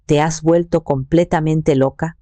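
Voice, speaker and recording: A woman voicing a panicked, manipulative grown son who shouts and pleads. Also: low voice, steady tone, measured pace, dry recording. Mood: angry.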